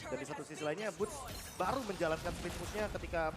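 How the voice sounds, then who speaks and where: A man's voice: on the high side, fast. An Indonesian man giving analytical live commentary on an esports match. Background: music.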